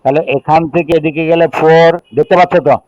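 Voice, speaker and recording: A middle-aged man from Bangladesh with a Bangladeshi accent gives a classroom chemistry lecture. He reads rules slowly in English, then explains them in Bengali and counts chain carbons aloud. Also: on the high side, little pitch movement, darkish tone, no echo. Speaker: chemistry teacher. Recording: dull, dry lo-fi recording.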